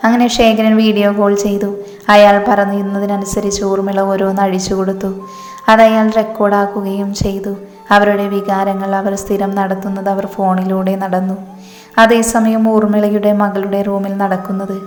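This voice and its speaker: Woman narrating in a flat monotone. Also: medium pitch, normal speed. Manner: steady, monotone reading. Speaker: storyteller. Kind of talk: story narration. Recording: echoey room, long reverb, faint music.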